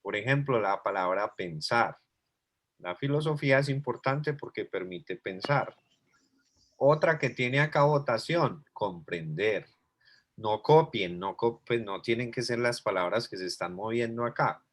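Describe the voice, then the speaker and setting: Male teacher, mid-pitched, patient, explains step by step to a class on a video call. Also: lively intonation, measured pace. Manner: patient, explanatory, thinking aloud. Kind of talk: online class lecture.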